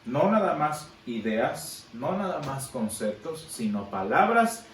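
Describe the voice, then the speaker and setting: A man's voice: mid-range voice, sing-song, slow, a little hiss or hum. A man teaching a Sunday school Bible class, explaining patiently and asking his listeners questions. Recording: echoey room, from far off.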